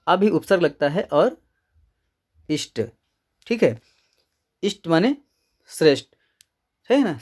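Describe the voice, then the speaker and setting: A man's voice: on the high side, a little mellow. Man teaching Hindi grammar step by step. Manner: explains step by step, repeats key words, checks in with "ठीक है". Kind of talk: exam answer-key lecture.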